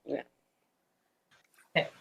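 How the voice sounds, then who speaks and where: A woman's voice: slow, a bit bright, no room sound, studio quality. A woman playing in an online tabletop game, talking through a bluetooth headset mic and often stopping and restarting mid-sentence. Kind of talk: casual chat over voice call. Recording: dull, lo-fi headset audio with faint hiss and clicks.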